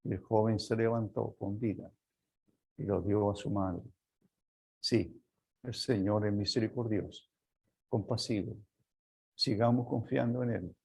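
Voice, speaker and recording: A man with a Chilean Spanish accent preaching a sermon as pastor, earnest and unhurried, closing in a quiet prayer. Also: on the low side, steady tone, creaky, husky. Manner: slow, earnest preaching that drops to a soft prayer.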